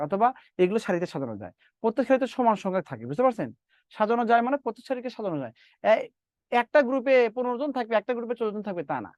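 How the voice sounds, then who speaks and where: A man's voice: high-pitched, dry recording. A man teaching math in a live online lecture, repeating steps and quizzing his students as he works through sums.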